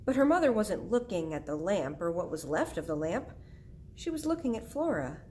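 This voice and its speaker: Female storybook narrator, gentle read-aloud, faint background hiss. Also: mid-range voice, big pitch swings, moderate pace. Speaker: audiobook reader.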